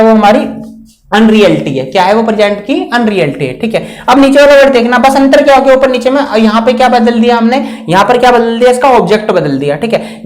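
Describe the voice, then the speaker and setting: A male teacher with an extremely high-pitched voice gives a steady classroom lecture on grammar. He repeatedly asks rhetorical questions and answers them himself, drawing out English example sentences word by word.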